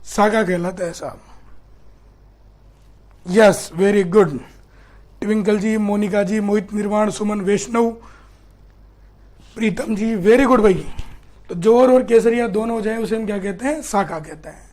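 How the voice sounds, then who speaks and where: High-voiced teacher with Rajasthani accent. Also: male voice, a little slow, long pauses, a little mellow. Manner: chatty teasing teacher, quizzes students and rhetorical questions. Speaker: history teacher. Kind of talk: live online class reading student comments.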